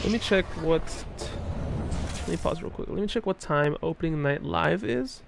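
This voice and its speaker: A man's voice: on the high side, normal speed, gravelly, noisy background. A tired young man chatting casually while he streams a game, rambling with lots of fillers and casual swearing. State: tired, yawning. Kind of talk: casual live-stream chat. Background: loud game music.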